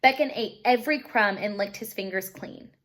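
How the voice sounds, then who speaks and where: At a moderate pace and medium pitch, a woman teacher brings a children's storybook to life with expressive narration.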